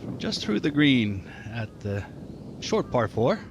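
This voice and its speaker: A man's voice: medium pitch, very animated, takes it slowly. A man giving golf commentary as a commentator. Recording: clear outdoor background noise.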